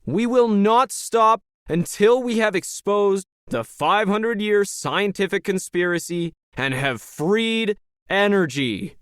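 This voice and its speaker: A man voicing a charismatic male leader of a fringe energy movement who works up a crowd in a drawn-out rally-speech style. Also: sits high, a bit bright, clean tone, no room sound, clean studio sound, pitched above the performer's own voice. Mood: rousing. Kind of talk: audiobook character voice.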